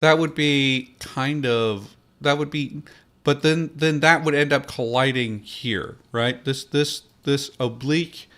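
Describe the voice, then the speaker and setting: A man at a middle pitch speaks at an unhurried, deliberate pace. He thinks aloud, trailing off and restarting as he weighs options for the language he is building. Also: fairly bright tone. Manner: slow, hesitant, many fillers and restarts. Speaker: podcast host.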